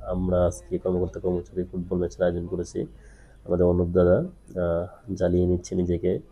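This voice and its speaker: Man, amateur football play-by-play, low-pitched, flat delivery, halting, repetitive, hesitant pauses. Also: slightly rough, muffled recording. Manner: halting, repetitive name-to-name calling with frequent drawn-out hesitations. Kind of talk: improvised play-by-play football commentary.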